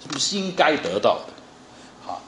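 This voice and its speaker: A man's voice: mid-range voice, sing-song, measured pace, fairly bright tone, echoey room, slight background noise. A man preaching a sermon in a conversational way, with fillers and frequent rhetorical questions. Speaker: pastor.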